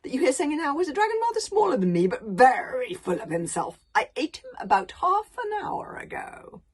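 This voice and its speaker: A woman voicing a huge, sly, philosophical male dragon who talks slowly and theatrically, with cheerful menace. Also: high-pitched, wildly swooping pitch, husky, voice pushed up, heavily acted. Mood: grand.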